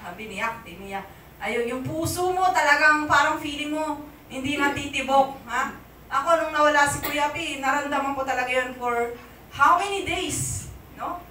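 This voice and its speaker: High bright Filipino woman preaching. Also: moderate pace, slight background noise. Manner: conversational preaching, asks the congregation "amen?" often. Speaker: pastor. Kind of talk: sermon. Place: church hall. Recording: echoey church hall from a distant mic.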